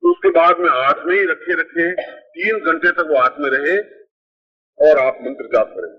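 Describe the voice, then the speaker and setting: A man's voice: fairly high pitch, normal speed, slightly rough. A spiritual teacher, a man, gives plain, methodical step-by-step ritual instructions, heard from an old worn tape. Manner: plain, methodical, repeats points for emphasis. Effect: old worn cassette tape. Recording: dull lo-fi 1980s tape recording.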